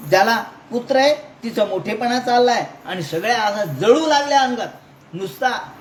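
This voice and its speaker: Man lecturing on scripture, high voice, dramatic storytelling with asides, roomy echo, faint hiss. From Maharashtra, India. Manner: dramatic retelling that shifts between voices and asides. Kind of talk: storytelling religious discourse. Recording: echoey room with faint noise.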